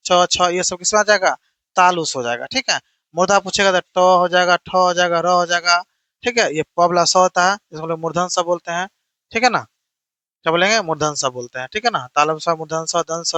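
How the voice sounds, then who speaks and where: High, bright-voiced male teacher. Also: dry recording. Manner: repetitive, keeps checking "theek hai na"; asks and answers his own questions. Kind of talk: exam-prep grammar lesson.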